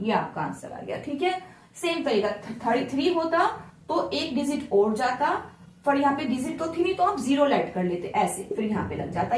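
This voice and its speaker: A woman's voice: fairly high pitch, darkish tone, reverberant, recorded from a distance. A woman teacher, patiently walking students through each step and asking them questions. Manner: patient, repeats steps and asks the class questions. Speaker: math teacher. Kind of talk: explaining math steps to students.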